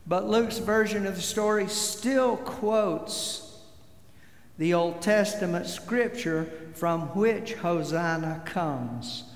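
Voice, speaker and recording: A man preaching a sermon as pastor, slow and deliberate, leaning hard on key words. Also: high voice. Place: church sanctuary. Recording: echoey hall with long reverb.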